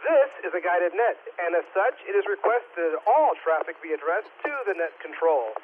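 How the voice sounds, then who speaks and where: A man with a high voice runs a radio net in formal procedure language, spelling call signs phonetically. His voice comes through a narrow, tinny two-way radio channel. A faint hiss of static sits under it. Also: animated, normal speed. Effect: heard over two-way radio with static. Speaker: net control operator. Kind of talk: reading a scripted radio net preamble.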